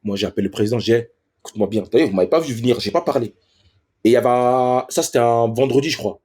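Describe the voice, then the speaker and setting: A man's voice: medium pitch, quick pace, darkish tone, husky. A professional footballer, a man, telling a story as an interview guest in slangy street French and acting out other people in raised voices.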